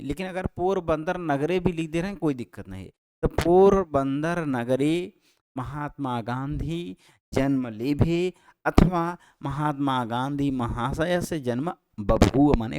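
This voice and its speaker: A male teacher talking students through exam answers, explaining patiently and repeating key points, with frequent pauses and self-corrections. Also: fairly high pitch, expressive, darkish tone, a little hiss or hum. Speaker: Sanskrit teacher. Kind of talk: exam-prep lesson. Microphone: handheld microphone held close.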